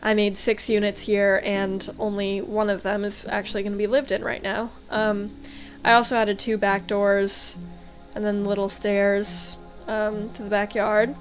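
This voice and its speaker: A woman's voice: medium pitch, little pitch movement, measured pace, soft background music. Chatty young American woman. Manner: chatty, lots of fillers like um and like. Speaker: game vlogger. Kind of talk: casual voice-over commentary.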